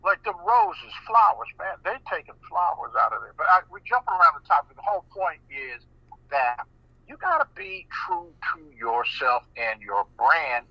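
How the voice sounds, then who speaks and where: A man with an American accent talking casually on a radio show, animated and often repeating words as he restarts. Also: on the high side, moderate pace, creaky, no echo. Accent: American English. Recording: muffled radio broadcast.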